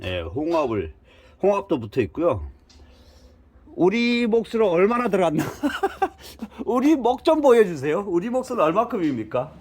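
A man's voice: high-pitched, sing-song, normal speed, a little mellow. An older man chatting casually as a vlogger at his rural home, telling folksy stories and chuckling often. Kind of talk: casual vlog narration.

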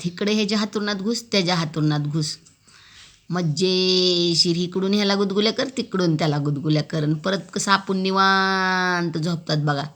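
A woman's voice: on the low side, vocal fry, a bit bright. A woman vlogging about her pet cat in a playful, teasing way, often repeating words and asking viewers questions. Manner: asks the viewers questions directly.

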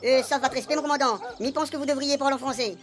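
A woman's voice: high voice, fast, over music, natural voice. A woman voicing a blunt, mocking gendarme sergeant in a radio drama. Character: blunt gendarme sergeant, sharp-tongued subordinate.

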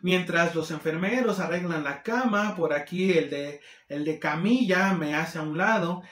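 A man with a Mexican accent telling a casual storytime, animated and acting out the people he quotes. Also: on the high side, unhurried. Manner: animated, acts out quoted people in shifting voices. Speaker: vlogger. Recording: roomy echo.

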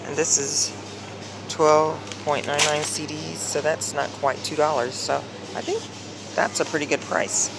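Low and creaky, the voice of this middle-aged American vlogger moves at a measured pace as she chats and thinks aloud. She holds her phone while shooting a shopping vlog in supermarket aisles, with humming coolers producing a noisy background hum.

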